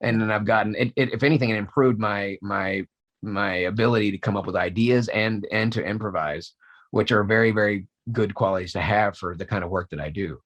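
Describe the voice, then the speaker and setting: A man's voice: fairly low pitch, a little fast. A man in his forties, a voice actor, telling stories in a casual interview, full of restarts and acting out what people said. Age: 40s. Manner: animated storyteller, acts out quotes, many restarts. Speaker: voice actor guest.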